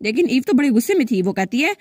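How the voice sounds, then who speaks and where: A woman storyteller narrating a comic story with fluent, lively retelling. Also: high-pitched, quick pace, slightly rough, no echo, clean studio sound.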